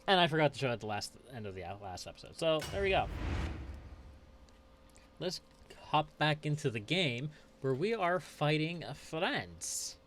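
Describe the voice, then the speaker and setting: A man's voice: a little high, very animated, moderate pace, long pauses, fairly bright tone, a little hiss or hum. A man hosting a let's play, chatting casually and reading game text aloud as he plays, often chuckling. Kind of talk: casual gameplay commentary.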